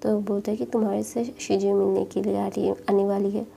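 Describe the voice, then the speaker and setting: A soft-spoken woman casually retelling a romance story, chatty and looping back with the same linking phrases. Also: medium pitch, flat delivery, fairly quick, gravelly, slight background noise.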